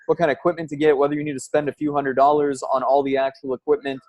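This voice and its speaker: A man's voice: a little high, little pitch movement, fast talker, darkish tone, dry recording. A man with a slightly raised voice talks in a loose, conversational way, like a podcaster testing gear for viewers. His voice is captured through an earbud headset serving as the mic, with very little room reflection. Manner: conversational, informal. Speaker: podcaster reviewing earbud microphones. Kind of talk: casual product-test vlog. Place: loud coffee shop. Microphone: wired earbud headset used as mic.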